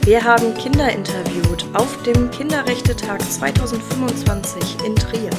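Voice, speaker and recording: A woman host reading a scripted podcast intro in a clear, announcing tone. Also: a little high, normal speed. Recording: loud music bed under voice.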